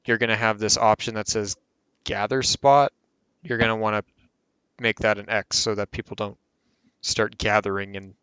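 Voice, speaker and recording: A man's voice: lowish voice, a bit bright, clear, resonant tone, no echo. A man hosting a casual gameplay tutorial who rambles and corrects himself mid-sentence as he explains. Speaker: game tutorial host.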